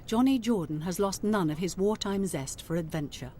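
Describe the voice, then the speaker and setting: A woman giving measured, scripted documentary narration. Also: lowish voice, lively intonation, heavy background noise. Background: music.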